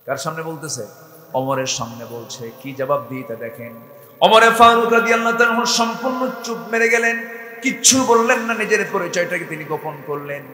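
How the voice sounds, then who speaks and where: Man preaching loud and dramatic, sharp bright tone, big echoey hall, shouts at the peak. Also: high-pitched, normal speed. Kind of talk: Islamic sermon storytelling.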